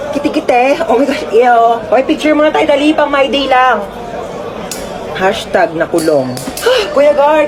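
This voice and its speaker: A woman acting out comedy skits alone, switching between characters and mixing Tagalog with English. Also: a little high. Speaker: comedy skit creator. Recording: noisy background hiss.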